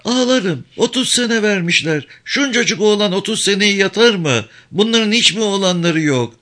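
A man's voice: sits high, expressive, moderate pace, bright, forceful tone, pitched above the performer's own voice. Man voicing a weepy old village mother. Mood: tearful lament. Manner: plaintive, tearful lament.

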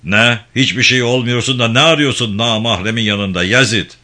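A man reading a novel aloud, voicing a harsh, bullying gendarme chief who shouts threats and insults. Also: mid-range voice, moderate pace, pitched above the performer's own voice, close to an everyday voice. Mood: barking, menacing.

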